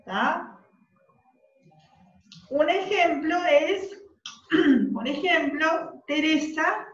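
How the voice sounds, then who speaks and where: A woman's voice: sits high, extremely slow. A woman teacher with a Rioplatense accent, giving a classroom lesson, patiently repeating key points and checking that students follow. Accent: Rioplatense Spanish. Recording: distant, echoey, muffled classroom recording.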